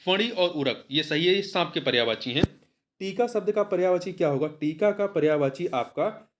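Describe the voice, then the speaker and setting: A man's voice: on the high side, darkish tone. A man working through a practice exam, who asks a question, answers it himself and repeats the key word. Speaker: exam tutor. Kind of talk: solving a practice paper aloud.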